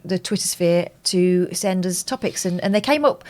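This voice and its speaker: A woman's voice: fairly low pitch, moderate pace, a little mellow. A woman co-hosting a live show in informal, reassuring chat. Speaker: co-host of a live phone-in show. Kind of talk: casual chat.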